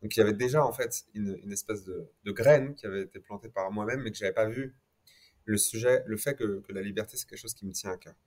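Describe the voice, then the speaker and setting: A man's voice: on the low side, fast, a little mellow. A man speaking as an interview guest, reflecting conversationally on his experience and dropping occasional English words into his French.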